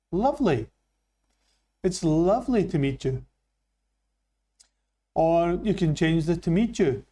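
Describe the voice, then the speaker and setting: A man from Scotland with a Scottish accent, teaching an English lesson with slow, careful delivery. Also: on the high side, dark tone. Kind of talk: classroom lesson.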